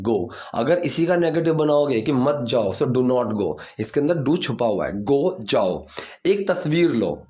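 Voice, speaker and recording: A man teaching English grammar, slowly reading out example sentences. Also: medium pitch, mellow. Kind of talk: explaining grammar from movie subtitles.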